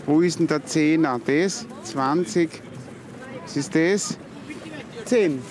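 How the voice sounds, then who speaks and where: A carpenter in his fifties from near Graz, Austria, talks casually in a slow, rather high voice with a Styrian Austrian German accent. Chatting in city streets and on a train with a crowd behind him, he repeats himself, exclaims "ein Wahnsinn", and uses broken, simple phrasing with foreigners.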